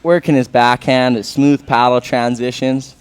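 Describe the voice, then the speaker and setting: Clear-voiced man commentating a surf contest. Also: mid-range voice, flat delivery, a little slow. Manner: explanatory, conversational. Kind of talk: live sports commentary.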